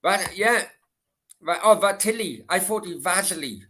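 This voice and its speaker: Here a middle-aged man with a Welsh Valleys accent, from Merthyr, hosts a casual late-night football Q and A livestream. His voice is high-pitched and expressive, pushed and bright, at a measured pace, and he's sweary, rambling and repetitive.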